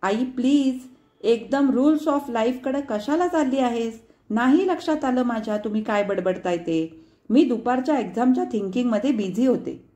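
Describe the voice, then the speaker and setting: Woman doing a cool college girl, flat, unbothered, offhand, drops English words. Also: a little high, moderate pace, lightly acted. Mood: cool dismissive.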